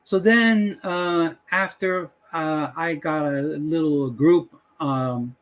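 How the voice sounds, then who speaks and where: Speaking slowly in a slightly high voice, a middle-aged Dutch West Indian man with a Dutch accent kicks off a casual screen-share tutorial for his channel. He rambles a lot and leans on many fillers.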